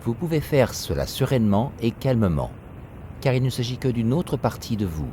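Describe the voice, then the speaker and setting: Reading a scripted guided meditation, a man gives calm, measured instructions. Ocean waves sound in the background, and a steady rumbling noise sits behind his voice.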